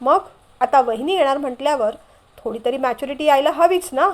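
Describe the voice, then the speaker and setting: Brief: a woman reading a playful teasing younger brother, light and high. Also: fairly quick, close to an everyday voice.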